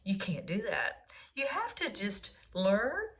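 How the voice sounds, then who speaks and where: A woman's voice: medium pitch, wildly swooping pitch, slow, fairly bright tone. A woman music teacher giving her students an earnest, encouraging talk in a video lesson.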